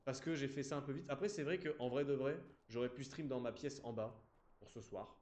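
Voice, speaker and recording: A man's voice: medium pitch, fairly quick, darkish tone, echoey room. A man live-streaming a game, chatting casually and apologizing to his viewers while leaning close to a desk mic in an empty room.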